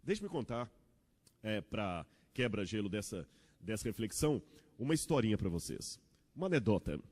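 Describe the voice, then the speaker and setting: A man from Brazil, preaching a sermon in a church with rhetorical questions and an animated storytelling manner. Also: on the low side, normal speed. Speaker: pastor. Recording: long church hall reverb.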